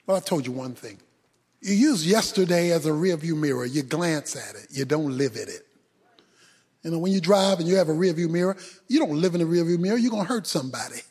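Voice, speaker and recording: A male pastor preaching a sermon, dropping low and quiet and then rising to a shout. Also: animated, fairly quick, husky. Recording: sermon in a reverberant hall.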